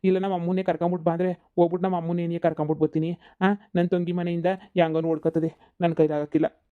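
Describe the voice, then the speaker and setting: Woman voicing a tired village husband, rushed grumbling, cartoon comedy. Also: fairly low pitch, level tone, phone-quality sound, lightly acted. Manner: complaining, rushed.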